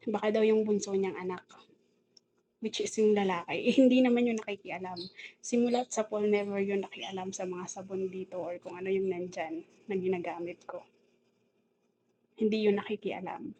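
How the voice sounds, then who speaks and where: A woman's voice: medium pitch, steady tone, normal speed, pauses often, mellow, slight background noise, poor audio. A woman with a Filipino accent telling a rambling, aggrieved story in a casual vlog, mixing English words into her talk. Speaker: domestic helper vlogger.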